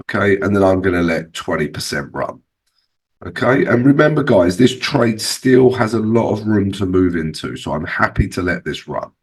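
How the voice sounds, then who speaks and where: A man with a low voice, thickened by a sore, swollen throat, presents a casual trading lesson. He speaks conversationally to his viewers, often checking in with short tags, and sounds set a little way back from the microphone. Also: animated, normal speed, distant mic. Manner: conversational, addresses viewers as guys, frequent checking tags like okay and right. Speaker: trading channel host and analyst. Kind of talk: casual trading tutorial commentary over charts.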